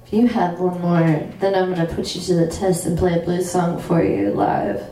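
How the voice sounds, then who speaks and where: Mellow-voiced woman host in an echoey loft. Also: fairly low pitch, moderate pace, slight background noise. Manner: friendly and encouraging, short affirmations. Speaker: host and musician. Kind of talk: casual interview chat. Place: theater loft, live session. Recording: echoey room, mic far off, guitar behind.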